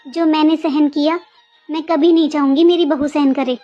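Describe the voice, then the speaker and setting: A woman playing a middle-aged mother-in-law talks a lot in a very high voice. She scolds and lectures in a home comedy skit, and faint music runs behind her. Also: steady tone, normal speed, warm tone, muffled recording, lightly acted. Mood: gentle advising. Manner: scolding, talkative. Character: middle-aged mother-in-law, sharp-tongued but caring.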